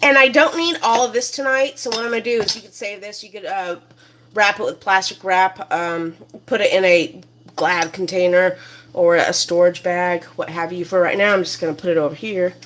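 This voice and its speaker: A woman's voice: on the low side, fairly even intonation, normal speed, a bit bright, slight background noise. A woman hosting a casual cooking demonstration in her home kitchen, chatty and rambling with many fillers. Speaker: cooking show host.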